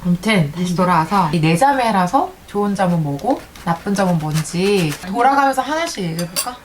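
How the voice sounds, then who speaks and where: A woman's voice: on the low side, lively intonation, fairly quick, music in the background. A young woman leading a casual group chat as the host. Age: young adult. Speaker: host, eldest of four sisters. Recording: clear background noise.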